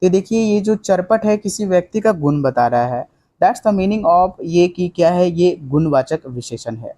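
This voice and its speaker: A man's voice: high-pitched, expressive, unhurried, warm tone. A young man teaching an exam-prep lesson, working through quiz questions in a chatty way, often saying "ठीक है" and mixing in English words. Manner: conversational, fills with "ठीक है", quizzes students rhetorically, mixes in English.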